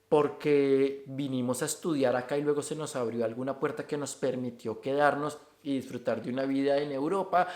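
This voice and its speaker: A man's voice: medium pitch, darkish tone, echoey room. A man from Colombia with a Bogotá accent, talking reflectively in a casual opinion video about migrant life. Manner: reflective and conversational, stringing points with "entonces".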